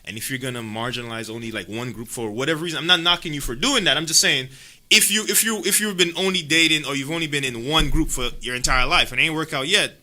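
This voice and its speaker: A man's voice: a little high, fast, sharp tone. A man with a Caribbean accent, a panelist speaking earnestly in a casual group chat.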